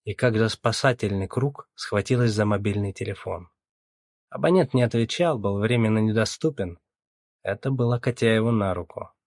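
A man narrating a crime story in a steady, measured audiobook reading. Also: lowish voice, no echo, studio quality.

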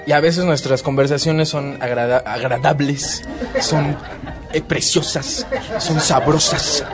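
A man's voice: a little high, steady tone, unhurried. A Mexican-accented man hosting a podcast in casual, slangy, foul-mouthed comic chat. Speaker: podcast host. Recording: music and crowd noise behind. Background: music and crowd.

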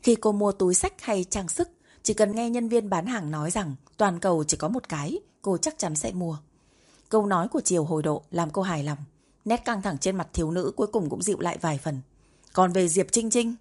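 A woman narrating a romance novel in an even, steady reading voice. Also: lowish voice, a little fast, husky. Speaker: audiobook narrator.

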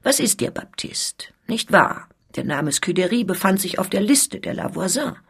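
A woman voicing an elderly, dignified noblewoman in a dramatic reading, with a husky, fairly low voice. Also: very animated, a little slow, heavily acted. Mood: gently teasing. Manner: indignant, dignified speech.

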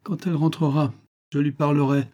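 Reader doing a grumbling old grandfather, husky, low and dark. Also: level tone, fairly quick, close to an everyday voice. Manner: grumbling, exclamatory. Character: elderly grandfather uncle, gruff and protective.

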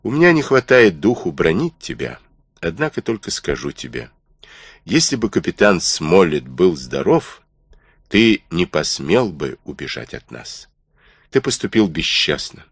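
A kindly, stern ship's doctor speaks earnestly in a low, husky voice, as a man reads him. His lines swing widely in pitch, with a close, dry audiobook sound. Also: big pitch swings, a little slow, dry recording, exaggerated voice. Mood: reproachful.

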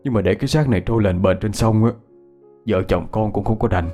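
A man doing a soft-spoken village husband. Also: on the low side, brisk, soft background music, close to an everyday voice. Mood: gentle. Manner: soft-spoken, polite, hesitant. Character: kind, humble village husband, middle-aged man.

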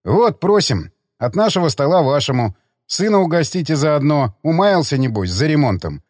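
A man voicing a composed, level-headed group leader who speaks in a measured, firm way, in an audiobook. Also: a little high, very animated, darkish tone, no room sound, studio quality, big-room sound.

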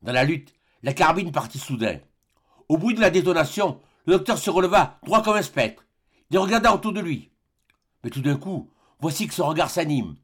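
A man giving scripted audiobook narration in a measured, dramatic storytelling manner. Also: on the high side, expressive, fairly bright tone, husky.

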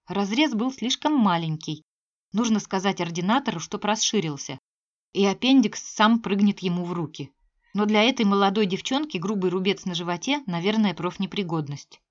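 A woman reading a novel aloud as an audiobook narrator, measured and expressive. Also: mid-range voice. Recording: slightly dull lo-fi sound.

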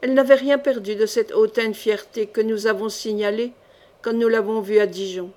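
A woman audiobook reader giving a measured, expressive scripted narration of a historical novel. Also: a little high.

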